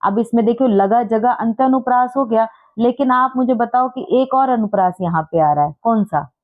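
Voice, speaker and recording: A woman teaching an exam-prep lesson in a casual way, reading verse lines slowly and explaining them patiently while checking that listeners follow. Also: a little high. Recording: tinny phone-like audio.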